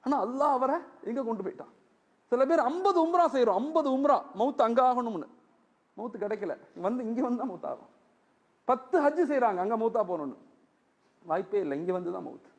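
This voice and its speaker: High-voiced gravelly preacher. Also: male voice, lively intonation, fairly quick. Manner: storytelling, quoting others in dialogue; gentle exhortation with repeated phrases. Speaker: Islamic preacher. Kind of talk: sermon.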